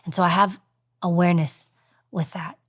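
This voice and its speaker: A woman in her thirties, a podcast guest, talking with animated storytelling. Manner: animated storytelling, acts out high fast voices. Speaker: guest, former agent and news presenter. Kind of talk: interview conversation.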